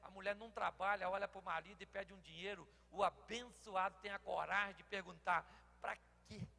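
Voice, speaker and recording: High gravelly Brazilian pastor preaching. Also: male voice, fairly quick. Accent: Brazilian Portuguese. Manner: animated storytelling, acts out dialogues, bursts into shouting. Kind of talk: humorous sermon. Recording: long hall reverb.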